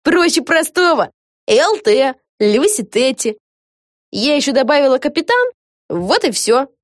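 A woman's voice: high-pitched, sing-song, a little slow, no echo, studio quality, pitched above the performer's own voice. A woman voicing an eager young girl witch who is an obsessive superfan and plays pirate ship captain in an audiobook. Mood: cheerful. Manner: eager, bubbly. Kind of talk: audiobook character voice.

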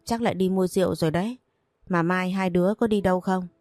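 A kindly, plain-spoken middle-aged mother, as a woman narrator reads her. The voice is low-pitched for a woman, and the recording is close and dry. It has the even tone of a read-aloud story. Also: quick pace, no echo, faint music behind, close to an everyday voice. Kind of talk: audiobook narration.

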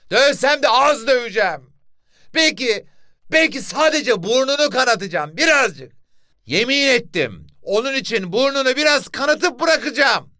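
A man voicing a rough village father who coaxes, threatens and pleads in drawn-out calls. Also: extremely high pitch, bright, forceful tone, no echo, studio quality, pitched above the performer's own voice, heavily acted.

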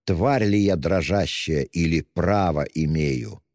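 A man's voice: a bass voice, slow pace, a little mellow, no room sound, clean studio sound, long reverb tail, heavily acted. A man reading an audiobook, voicing a tormented, brooding young man with intense delivery. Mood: desperate. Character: tormented young male murderer, feverish and brooding.

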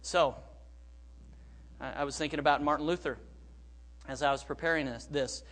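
A middle-aged man preaching a sermon as pastor, moving between quiet, hushed phrases and loud, emphatic bursts. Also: a little high, normal speed.

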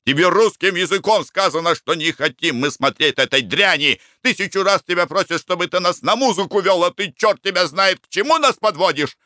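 Irritable gentleman traveler, shouting and scolding, voiced by the male reader; lively and dry. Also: sits high, fairly quick, hardly any pauses, no echo, voice pushed up. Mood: angry.

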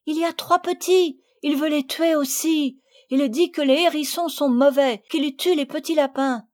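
A woman reading aloud voices a calm, sensible little girl in a storybook. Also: sits high, measured pace, pitched above the performer's own voice. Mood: earnest.

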